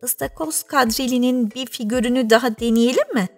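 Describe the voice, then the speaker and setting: A woman voicing a brisk, bossy gryphon who talks loudly and commandingly. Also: on the high side, faint music behind, lightly acted.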